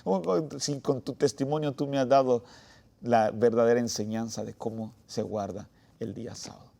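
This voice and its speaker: A preacher voicing a gentle, affectionate older mother in a sermon retelling. She speaks softly, her words trailing off quietly. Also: mid-range voice, steady tone, moderate pace, vocal fry, pitched below the performer's own voice, natural voice. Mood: tender.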